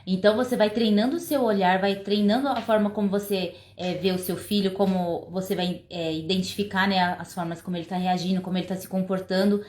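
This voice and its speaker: A woman's voice: medium pitch, fairly even intonation, brisk, few pauses, darkish tone, echoey room. A woman co-hosting a parenting talk, speaking conversationally with frequent tag questions. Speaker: parenting show co-host, mother. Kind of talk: casual couple conversation.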